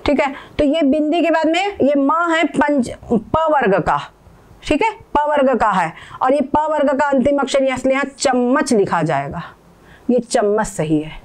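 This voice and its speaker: A woman teaching Sanskrit pronunciation, patiently explaining and repeating words slowly while checking that learners follow. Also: sits high, expressive.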